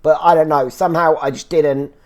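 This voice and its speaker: Fairly quick and fairly even in intonation, the man's voice sits on the high side. As host of a casual solo review show covering a TV series, he sounds slightly phlegmy and congested, and his talk rambles chattily, full of "so yeah" restarts.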